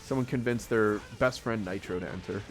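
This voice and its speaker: A man's voice: lowish voice, a little fast, soft background music. A man casually commentating a live fighting-game tournament, rambling and chuckling often.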